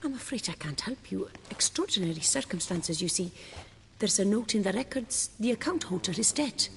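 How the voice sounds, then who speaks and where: A woman's voice: mid-range voice, expressive, normal speed, vocal fry, slight background noise. An actress playing a polite, bureaucratic bank clerk in a video game, formal and rote in her courtesy. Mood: polite stonewalling. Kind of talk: scripted video game dialogue. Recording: long reverberant hall.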